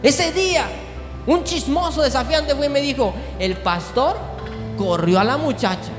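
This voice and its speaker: A man preaching, dropping low and close, then building to shouted peaks. His voice rings through a big echoing church hall with music playing behind him. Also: measured pace. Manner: impassioned preaching, swings from low intimate tones to shouted climaxes. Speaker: pastor. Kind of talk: sermon.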